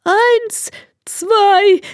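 A woman's voice: extremely high pitch, steady tone, drawn-out words, dry recording, clean studio sound, pitched above the performer's own voice, exaggerated voice. A woman voicing a vain, hot-headed male hare in a fairy tale, sounding haughty and agitated.

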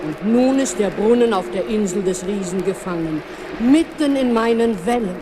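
A woman voicing a wise, kindly old grandmother who is the sea, speaking gently in a children's radio play. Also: mid-range voice, expressive, moderate pace, background noise, natural voice. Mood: gentle.

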